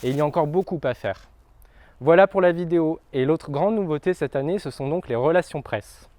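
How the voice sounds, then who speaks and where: Dry-recorded man, slightly high. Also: brisk, darkish tone, dry recording. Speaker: video producer presenting. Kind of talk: scripted corporate presentation.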